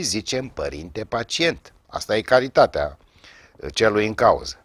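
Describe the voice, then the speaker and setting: Didactic lively-pitched man with dry sound. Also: no echo. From Romania. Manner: measured, didactic, pauses with fillers; dry wry asides. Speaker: language teacher hosting a TV segment. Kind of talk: televised language lesson, reading word lists.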